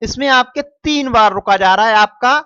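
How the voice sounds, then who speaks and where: This exam-paper walkthrough comes from a male teacher whose extremely high voice is sharp, clear and resonant. He goes question by question, repeating answers slowly and stretching them out, calls the students "dear children," and slips English into his Hindi. The audio is muffled and dry, lacking room echo.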